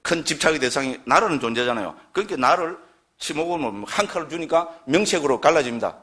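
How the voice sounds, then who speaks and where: A man's voice: fairly high pitch, lively intonation, quick pace, sharp tone. A middle-aged man with a Gyeongsang Korean accent lecturing a class on early Buddhist scripture, talking conversationally and often asking the listeners for agreement.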